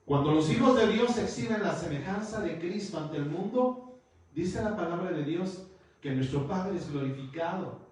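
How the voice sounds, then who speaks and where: A man's voice: high-pitched, lively intonation, moderate pace, darkish tone. A man preaching a sermon as pastor, teaching and calling his listeners brother. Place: church hall. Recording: echoey hall, far from the mic.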